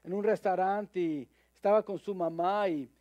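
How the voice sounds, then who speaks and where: High-voiced man preaching a sermon. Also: dark tone, no room sound, muffled recording. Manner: halting, with frequent repeated words and fillers.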